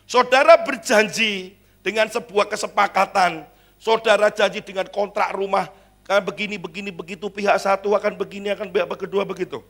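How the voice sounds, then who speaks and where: Preaching a church sermon, this middle-aged man acts out small dialogues and alternates between loud outbursts and soft, conversational asides. He has a high-pitched, creaky voice with fairly even intonation, and his pace is fairly quick.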